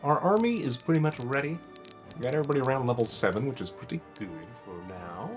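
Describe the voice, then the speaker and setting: A man with a medium-pitched, very varied voice hosts a let's play. He comments casually, with game music faintly behind him. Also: animated, fast talker.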